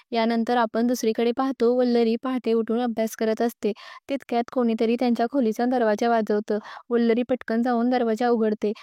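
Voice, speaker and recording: Smooth, even-toned woman recapping a serial. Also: fairly high pitch, no room sound, studio quality. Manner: reads every character's lines in her own voice. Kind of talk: read-aloud plot recap narration.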